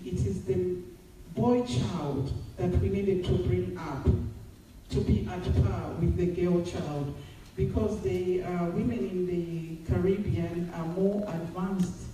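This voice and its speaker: A woman from Zambia gives a measured, hesitant talk as a panel speaker at a women's forum, recorded from the audience in a large hotel function room. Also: on the low side, dark tone, a little hiss or hum. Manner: measured, hesitant with many fillers. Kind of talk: public speech at an event. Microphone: far phone camera in the audience. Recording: echoey hall heard from far off.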